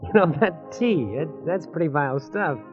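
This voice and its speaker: A man's voice: a little high, lively intonation, moderate pace, natural voice. An actor playing a weary, hard-drinking man who stammers and sounds bitter, in 1940s radio drama style. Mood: sheepish. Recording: dull old radio broadcast with music.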